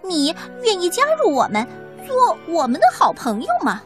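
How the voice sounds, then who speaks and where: A woman's voice: very high-pitched, very animated, moderate pace, soft background music, voice pushed up. A woman voicing a cheerful, thoughtful little male mouse who talks eagerly.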